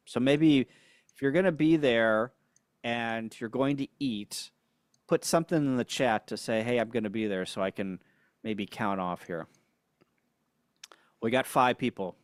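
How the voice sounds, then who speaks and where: A man's voice: mid-range voice, unhurried, long pauses, dry recording. Man, livestream co-host, casual chat, laid-back, dry close sound. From United States. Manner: laid-back, chuckling, reads chat aloud. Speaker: co-host of a ham radio livestream.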